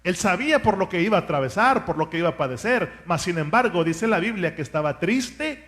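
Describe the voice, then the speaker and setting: High, animated pastor preaching. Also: male voice, fairly quick. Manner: fervent preaching, rhetorical questions, calls for congregation to repeat. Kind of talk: sermon.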